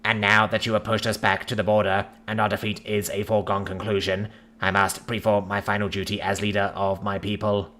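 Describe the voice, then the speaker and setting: Man putting on a weary alien ruler, solemn, formal, pleading, low voice. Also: level tone, fairly quick, fairly bright tone, natural voice.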